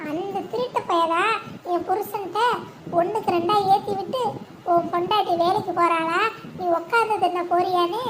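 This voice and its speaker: A woman voicing a worried young village wife in a cartoon, talking in a hushed, confiding way. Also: very high voice, normal speed. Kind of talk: cartoon voice acting. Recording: steady background noise.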